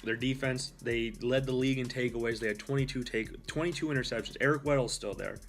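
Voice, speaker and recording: This is a young man hosting a casual solo sports show, talking quickly in a mid-range voice with fairly even intonation. He rambles, fills gaps and corrects himself, with soft music in the background.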